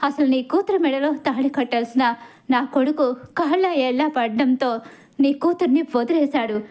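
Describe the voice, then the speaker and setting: An enraged old father hurls shouted accusations, as a woman narrator puts him on. The voice sits high and keeps its storybook colour. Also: moderate pace, natural voice. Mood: furious.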